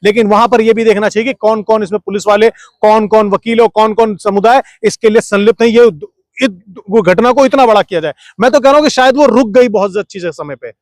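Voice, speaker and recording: A man being interviewed, arguing his point forcefully and firing off rhetorical questions while refusing to be cut off. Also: high-pitched, fairly quick, no echo, studio quality. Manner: argumentative, fires rhetorical questions, keeps talking over interruptions. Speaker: interview guest. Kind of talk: heated political interview.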